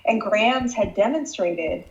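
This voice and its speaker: A woman guest on a podcast, chatting in a relaxed, wry way. Her audio is dull and lo-fi and carries a roomy echo. Her pitch sits in the middle. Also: takes it slowly. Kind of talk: casual chat. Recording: echoey, dull lo-fi sound.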